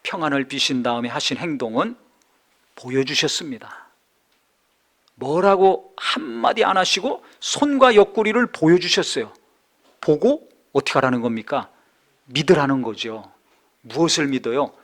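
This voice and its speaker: A man preaches in a church, his voice pitched high. He moves from soft, probing questions to loud, climbing calls to his listeners. Now and then he slips into a sharp scolding tone to act out a quote. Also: normal speed. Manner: swings between soft asides and loud rising exhortation; acts out scolding quotes in a harsh voice. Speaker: pastor. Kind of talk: sermon. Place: church sanctuary.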